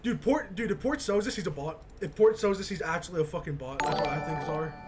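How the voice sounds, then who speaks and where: A live streamer giving excited reaction commentary, yelling, laughing and swearing in bursts. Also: mid-range voice, fast, over loud music. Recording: steady background noise.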